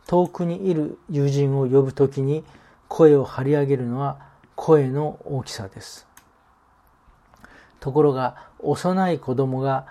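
A man preaching a sermon as a pastor, in a measured, earnest delivery that slows down to stress key phrases. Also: mid-range voice, mellow.

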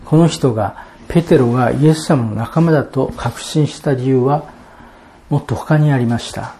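A male pastor delivering a sermon in a steady, explanatory manner. He reads scripture passages aloud and then unpacks them. His voice has a soft, mellow warmth at an ordinary pitch. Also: a little hiss or hum. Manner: measured expository preaching, reading out Bible verses.

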